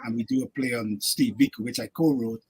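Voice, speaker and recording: A man's voice: mid-range voice, fairly even intonation, a little fast, a little mellow, husky. An older man from Guyana, a guest on a radio talk show, telling stories reflectively with frequent laughs and fillers. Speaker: actor and guest. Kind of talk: radio interview storytelling.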